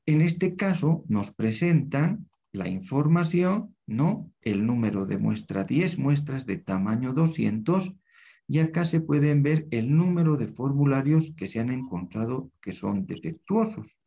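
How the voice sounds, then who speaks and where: Gravelly, husky male lecturer. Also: mid-range voice, expressive, a little slow, dark tone. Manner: explanatory, frequent tag questions. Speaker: teacher. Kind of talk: recorded lecture over screen. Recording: dull lo-fi recording.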